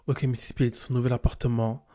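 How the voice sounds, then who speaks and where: Young man, gaming commentary, mellow voice, animated, slangy. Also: medium pitch, racing. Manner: animated, scolding his game characters with slang. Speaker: gaming YouTuber. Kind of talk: casual game commentary.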